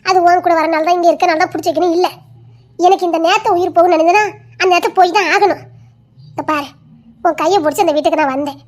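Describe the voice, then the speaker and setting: A woman's voice: very high voice, fairly even intonation, quick pace, pauses often. A woman performing every role in a family audio drama, moving between frightened, pleading and stern characters, with breaks of laughing and crying. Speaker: storyteller voicing every character.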